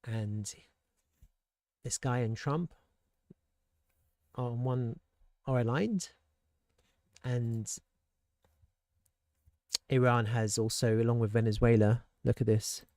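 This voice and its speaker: A man talks through market charts in a loose, thinking-aloud way, tossing in rhetorical questions and restarting sentences. His voice sits in an ordinary middle pitch. The recording is dry and close, with no room sound around it. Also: slow pace, pauses often, a little mellow, dry recording. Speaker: crypto market analyst. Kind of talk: casual market commentary.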